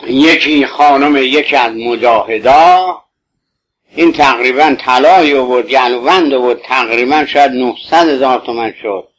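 A man's voice: mid-range voice, a bit bright, rough recording. An older man speaking fervently and pleadingly, telling a religious story about his late wife in a colloquial style. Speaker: bereaved husband recounting his late wife.

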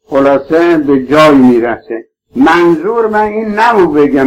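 A man's voice: fairly high pitch, darkish tone. Man preaching an emphatic sermon, lo-fi. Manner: emphatic, pleading, swears oaths for stress.

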